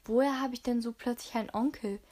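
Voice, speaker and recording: A woman voicing a charming young man in an audiobook, flattering and playful. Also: on the high side, fast, natural voice. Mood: puzzled.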